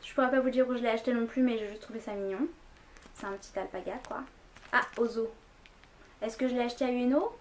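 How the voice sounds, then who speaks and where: A woman's voice: fairly high pitch, fast, slight background noise. A young woman talking casually at home, rambling through a haul video with lots of fillers. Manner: chatty, rambling, many fillers. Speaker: vlogger.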